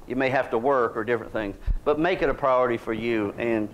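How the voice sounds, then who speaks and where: A man's voice: mid-range voice, fairly quick, dull audio, slight background noise. A middle-aged man, preaching a sermon in a small church in a folksy, conversational way. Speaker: pastor. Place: small church sanctuary, indoors.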